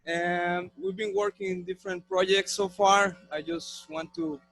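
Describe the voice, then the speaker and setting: A man from Rica, giving a measured academic conference talk. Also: high voice, level tone, gravelly, a bit bright, low-quality recording. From Costa Rica. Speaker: conference presenter.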